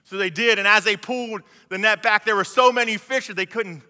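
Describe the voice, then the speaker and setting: Guy preaching a sermon, chatty, keeps restarting, high voice, long echoey church reverb. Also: steady tone, brisk, sharp tone. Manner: conversational, acts out biblical scenes, many restarts. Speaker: pastor.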